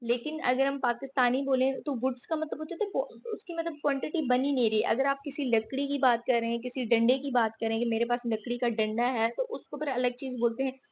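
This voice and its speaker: A fairly high-pitched, slightly mellow female voice belongs to a Pakistani teacher giving an informal English grammar lesson. She checks in often with rhetorical questions and keeps repeating "theek hai."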